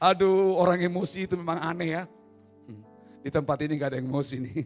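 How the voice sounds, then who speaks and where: A pastor with a fairly high voice preaches in a church hall at a moderate pace and steady tone, swinging from hushed asides to shouted appeals with teasing jokes in between. Faint music plays softly behind him, and at times he is off the mic.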